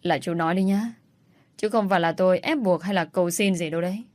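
A woman voicing a stubborn, crafty young woman who pleads and sulks in a quick, whiny way. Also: fairly low pitch, a little mellow, no echo, close to an everyday voice.

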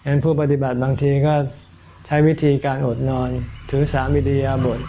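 Flat-voiced monk answering questions. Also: male voice, mid-range voice, normal speed. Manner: steady, plain, instructive. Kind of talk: calm dharma Q&A. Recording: dull recording, faint room noise.

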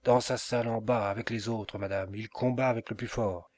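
A man voicing a frightened young maidservant who pleads urgently and in a hushed voice. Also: fairly low pitch, fairly even intonation, normal speed, close to an everyday voice. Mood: frightened pleading.

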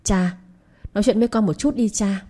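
A woman's voice: medium pitch, normal speed, warm tone, lightly acted. A woman voicing a young adult son who speaks earnestly and protectively of his mother. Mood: reproachful. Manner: earnest, reproachful.

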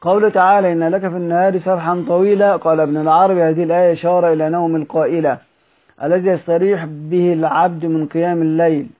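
A man reading a classical text aloud as a teacher, in measured tones, stressing each verse heading and adding brief asides. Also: fairly high pitch, flat delivery. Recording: narrow phone-like audio.

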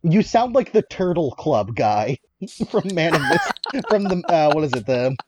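A man co-hosting a podcast, chatting about a film with lively interjections and laughter. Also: on the high side, unhurried, no echo. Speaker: podcast co-host. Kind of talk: casual film discussion.

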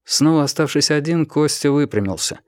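A man reading an action novel as audiobook narration, in a steady, expressive way. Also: a little high, moderate pace, no echo, studio quality.

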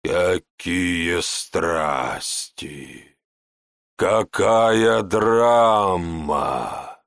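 Man doing a gleeful undead thing, drawn-out sneering words, creepy storybook villain. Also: low-pitched, fairly bright tone, dry recording, studio quality, full character voice. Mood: mocking. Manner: drawling, sneering, theatrical. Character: sinister undead male creature, mocking and gleeful.

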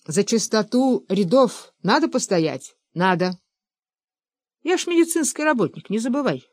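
A woman voicing a gruff, bossy older male official who scolds his son-in-law in a storybook reading. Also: sits high, sing-song, a little slow, no echo, studio quality, exaggerated voice. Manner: blustering, scolding.

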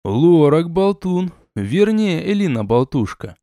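A man's voice: fairly high pitch, big pitch swings, slow, mellow, no room sound. Dry-voiced male fantasy audiobook narrator.

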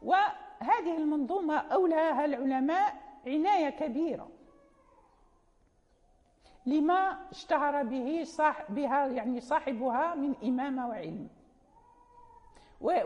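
High-voiced Moroccan woman lecturing. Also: lively intonation, measured pace, long pauses, darkish tone. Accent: Moroccan Arabic. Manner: explanatory, with fillers and self-corrections. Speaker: teacher of Quran recitation. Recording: muffled sound with long hall reverb.

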